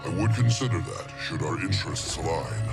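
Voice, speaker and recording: A gravelly, grave swamp creature. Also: male voice, deep voice, expressive. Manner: grave, measured, aloof. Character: ancient male swamp guardian creature, stern and solemn. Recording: distant voice over loud music.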